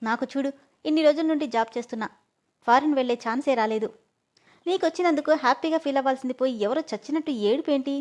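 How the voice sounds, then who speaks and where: A woman voicing a cheeky young woman friend who talks in a teasing, lively way. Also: high-pitched, quick pace, lightly acted. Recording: dull lo-fi audio.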